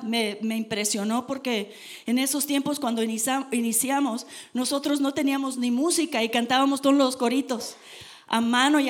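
A woman preaching a sermon to her congregation, earnest and emphatic. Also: high voice.

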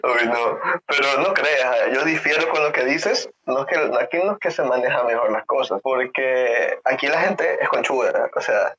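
A man's voice: medium pitch, normal speed, sharp tone, highs cut off, a little hiss or hum. A man co-hosting a casual podcast chat, opinionated and thinking aloud with restarts. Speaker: podcast co-host. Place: Ecuador.

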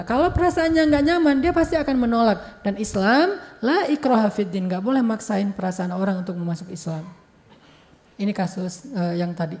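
A woman preacher giving a casual religious talk, telling stories in a chatty, lively way with colloquial asides. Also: medium pitch.

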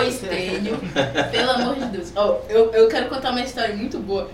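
A woman's voice: medium pitch, a little hiss or hum. Giggly young woman, Bahian accent. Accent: Bahian Portuguese. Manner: giggly, rambling storyteller. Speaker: youth orchestra viola student guest. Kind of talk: casual chat. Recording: echoey room from far off.

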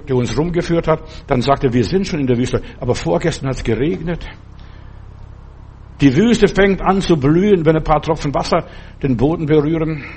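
A man's voice: a little high, darkish tone, husky. A man preaching a sermon with emphatic delivery, repeating phrases and restarting sentences as he goes.

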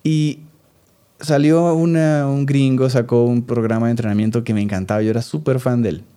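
A man in his thirties with a Venezuelan accent, co-hosting a casual chat and telling stories with lively acted-out quotes. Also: medium pitch, moderate pace, clean tone. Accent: Venezuelan Spanish. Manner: animated storytelling, acts out quoted voices. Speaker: podcast co-host.

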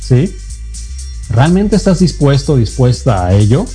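Mellow-voiced man giving a motivational talk. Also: mid-range voice, very animated, a little slow, faint music behind. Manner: direct, repeats questions to the listener, frequent "¿sí?". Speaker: self-help coach.

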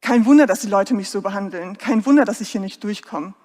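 A woman's voice: medium pitch, fairly quick, darkish tone, long reverb tail, close to an everyday voice. A woman voicing a greedy, self-satisfied rich male tax collector who talks in offhand, slangy, self-justifying lines, inside a sermon. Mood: rueful.

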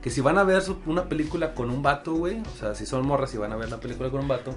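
A man's voice: mid-range voice, quick pace, over music. A young man with a Mexican accent in casual chat, slangy, laughing often and saying "güey" constantly.

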